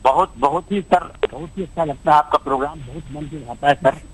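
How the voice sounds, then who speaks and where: A man's voice: a little high, a little fast, slightly rough. A man calling in over a mobile phone line that keeps breaking up, speaking deferentially and calling the host sir again and again. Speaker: caller. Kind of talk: call-in question to a TV astrologer.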